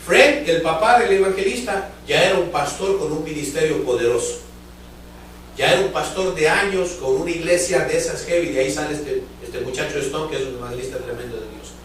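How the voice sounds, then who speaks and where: A man with a fairly high voice delivers a fervent sermon, stretching out key phrases and speaking straight to the congregation. The sound comes from well back in the room and rings with heavy church echo. A faint hiss sits under it all. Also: fairly bright tone. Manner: fervent, drawn-out emphatic phrases, addresses the congregation directly. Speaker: preacher. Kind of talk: sermon storytelling. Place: church sanctuary. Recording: echoey church hall from far off.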